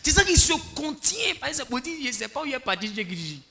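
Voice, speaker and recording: Animated preacher with bright, lively voice. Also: male voice, extremely high pitch, quick pace, vocal fry. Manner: animated preaching, swinging from quiet asides to shouts; acts out little dialogues between people. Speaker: pastor. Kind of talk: sermon.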